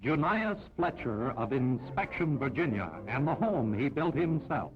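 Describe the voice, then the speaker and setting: A man narrating an old 1940s newsreel in a brisk, upbeat announcer style. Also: medium pitch, expressive. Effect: old newsreel sound. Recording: dull lo-fi 1940s film audio with music.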